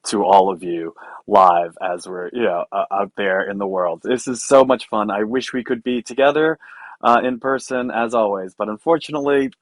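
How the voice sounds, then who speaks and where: A man's voice: lowish voice, moderate pace, no room sound. A man hosting a live online conference, introducing speakers in an enthusiastic way. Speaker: event host introducing speakers. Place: remote online event.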